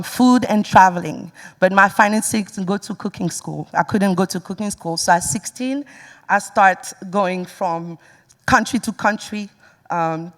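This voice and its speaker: A young woman tells her family story from a stage, pausing often on fillers. Her voice sits at a middle pitch. The sound carries the long reverb of a large music hall. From Senegal. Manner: personal storytelling with frequent fillers. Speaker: speaker. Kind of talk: stage talk.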